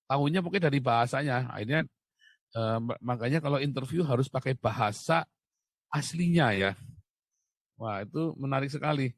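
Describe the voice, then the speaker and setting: A man's voice: medium pitch, normal speed, pauses often, no echo. A man from Indonesia in a casual monologue, chatty and rhetorical, laughing at his own jokes. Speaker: host.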